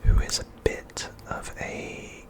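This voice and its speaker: The speaker is an ASMR host casually showing and describing things on the spot. The delivery is a quiet, breath-heavy whisper, never voiced and never rushed.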